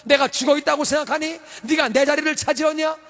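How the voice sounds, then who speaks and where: A man's voice: extremely high pitch, steady tone, fast, fairly bright tone, in a large hall, voice pushed up. A man playing an indignant commanding God. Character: God, an angry, commanding male deity.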